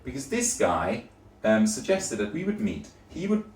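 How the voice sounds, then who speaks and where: A man's voice: medium pitch, huge pitch swings, normal speed, slight background noise. A young man with a slight German accent doing a stand-up comedy set, chatty and laughing at his own jokes, often tagging lines with "right?". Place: comedy venue. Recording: roomy venue, mic picked up from a distance.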